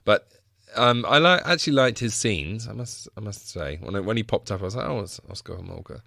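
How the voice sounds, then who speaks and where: A man with a very low, gravelly voice talks films on a podcast, wry and quick to chuckle. The sound is dry and close, with no room around it. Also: expressive, bright, forceful tone, no echo. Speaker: podcast guest, film historian. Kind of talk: casual podcast chat.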